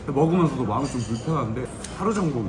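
A man's voice: medium pitch, animated, rapid-fire, noisy background. A young man chatting casually with his mouth full, chewing as he talks, at a hotel buffet. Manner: chatty, confiding. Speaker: food vlogger. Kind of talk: casual chat while eating. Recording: loud background music.

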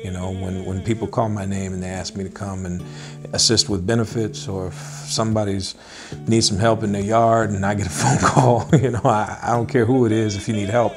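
A middle-aged man, a blues musician, speaking in an unhurried, thoughtful interview with many small pauses. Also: on the low side, fairly even intonation. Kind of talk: relaxed interview talk. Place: indoors, wood-paneled room, seated at a table. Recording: interview with guitar music mixed underneath.

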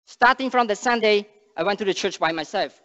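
A young man with a Cambodian accent preaches in earnest, halting English, often restarting his phrases and then rising hard on key words. His voice sits high for a man. It rings through a big sanctuary with a long reverb and comes across muffled. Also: sharp tone. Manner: earnest, halting non-native English with restarts and emphatic rises. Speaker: missionary speaker. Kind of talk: sermon with prayer. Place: large church sanctuary stage. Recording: long church reverb, dull sound.

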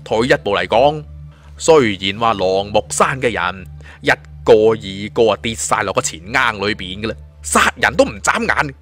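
Over faint music, an audiobook narrator with a Hong Kong Cantonese accent dramatically performs a scripted suspense fantasy story. His lowish, fairly bright voice swings widely in pitch at normal speed.

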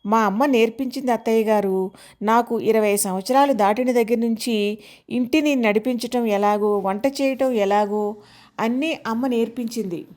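Woman voicing young daughter-in-law, quiet, respectful, audio story, slightly high voice. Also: normal speed, lightly acted. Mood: modest. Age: 20s.

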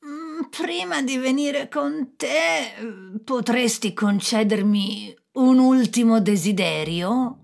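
A woman's voice: fairly high pitch, slow pace, gravelly, voice pushed up. A woman voicing a sly, hard-drinking trickster man who coaxes and bargains in a storybook tale. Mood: wheedling. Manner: coaxing, wheedling.

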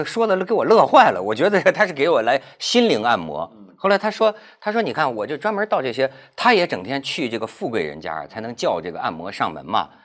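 A man telling a story in casual chat on a round-table talk show, animated, with halting restarts. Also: on the high side.

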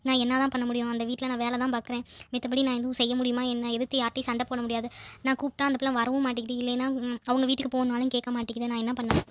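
A woman voicing a worried, scolding elderly grandmother in a cartoon, speaking in rapid nagging questions. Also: high voice, dry recording, lightly acted. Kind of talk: Tamil cartoon voice acting.

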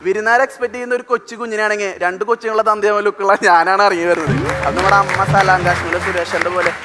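A young man rattles through a stand-up routine at a breakneck pace, his voice pitched high and lively as he slips into impressions. He is performing on a television stage. Music and a live audience can be heard clearly behind him. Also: crowd noise. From Thrissur, Kerala. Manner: rapid, animated storytelling with mimicked voices. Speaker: stand-up comedian. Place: TV studio stage.

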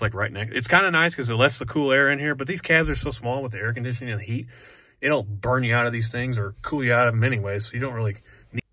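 A man's voice: medium pitch, fairly bright tone. A man giving a casual, rambling review of his skid steer from inside its small cab, talking bluntly about what he dislikes.

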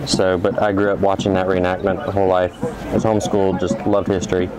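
A man's voice: sits low, completely flat delivery, quick pace, noisy background. A man from southwest Virginia and a reenactor, talking casually and hesitantly, with fillers, at an outdoor camp. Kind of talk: casual interview.

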